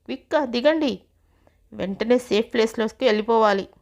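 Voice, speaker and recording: A brisk young hero, voiced by a woman narrator reassures and directs others to safety. The voice sits a little high, plain and quick to the point. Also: gravelly, a little mellow. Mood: reassuring.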